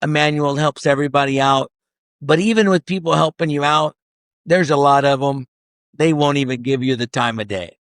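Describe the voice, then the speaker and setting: A man's voice: fairly high pitch, moderate pace, a bit bright, clean tone, no room sound, studio quality. A man guest who co-owns a harness business, chatting casually, joking and chiming in to finish his partner's sentences. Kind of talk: casual chat.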